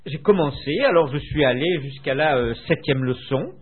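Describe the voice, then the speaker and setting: An older French man being interviewed, recalling his past in a hesitant way with many filler pauses, heard over a tinny phone line. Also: fairly high pitch, animated, breathy edge. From France. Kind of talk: recounting memories in conversation.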